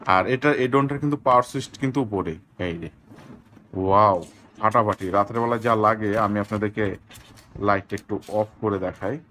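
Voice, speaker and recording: A man from Bangladesh selling drones, giving a slow, deliberate product demo with a lot of repetition. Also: lowish voice, fairly bright tone, slight background noise. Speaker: drone seller.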